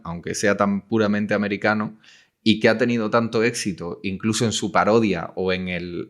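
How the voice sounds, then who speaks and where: A man's voice: fairly low pitch, a bit bright. Reflective male film podcast co-host. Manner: reflective, hedging with tags and fillers. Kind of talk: casual film discussion.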